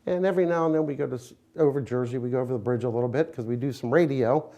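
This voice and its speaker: Talking very fast in a mellow, medium-pitched voice, an American man who owns a window company gives a promotional interview. His style is conversational, folksy and plain-spoken as he explains.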